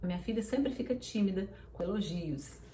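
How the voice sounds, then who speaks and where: A woman giving an online English pronunciation lesson, patiently repeating words slowly. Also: medium pitch, expressive, mellow, slight background noise. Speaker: English teacher. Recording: roomy echo, mic at a distance.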